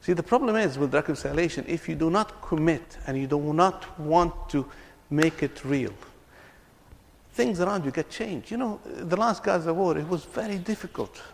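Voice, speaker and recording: A man from Palestine speaks to an audience about reconciliation, his fairly high, creaky voice moving at a moderate pace. He tells stories earnestly and often repeats words, and the hall gives his speech a reverberant sound.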